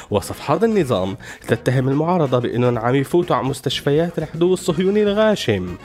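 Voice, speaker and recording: Man, Syrian Arabic accent, brisk pace, satirical scripted commentary, explanatory, light music behind. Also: medium pitch, darkish tone. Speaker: radio show host.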